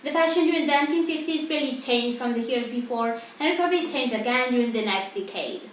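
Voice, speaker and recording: A teenage or young adult woman speaks fast in a high voice with lively intonation, sounding like a student presenter hosting a scripted mock TV broadcast. A distant mic picks her up in a very echoey indoor room with faint noise.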